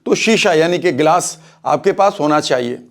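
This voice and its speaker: High-voiced man teaching a home recipe. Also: expressive, normal speed, creaky. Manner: explains step by step, keeps checking in with the viewer; mixes English phrases into Hindi. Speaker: wellness coach.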